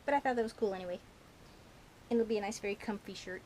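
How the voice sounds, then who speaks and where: A woman vlogger rambles casually to camera about her shopping haul, giggling often and filling her talk with fillers. Her tongue is a little burnt, so her words are slightly slurred. Her medium-pitched, darkish voice moves fast, with a little hiss or hum in the background.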